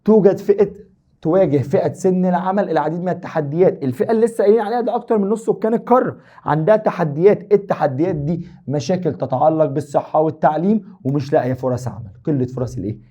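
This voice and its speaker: Fast-talking Egyptian male teacher. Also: fairly high pitch, warm tone. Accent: Egyptian Arabic. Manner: joking, teasing students while explaining. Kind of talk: exam review lesson.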